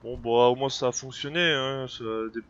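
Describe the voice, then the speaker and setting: A gameplay video creator with a head cold gives casual commentary on a video game, puzzling over what's happening. He's hesitant, with many fillers and restarts, in a mid-range, slightly bright voice with fairly even intonation at a moderate pace. The noisy home recording sounds lo-fi.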